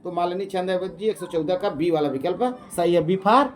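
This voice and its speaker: A man teaching Sanskrit exam questions, reading options aloud, slowly chanting verses and explaining each answer in casual, repetitive speech. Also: high-pitched. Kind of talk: exam question walkthrough lesson.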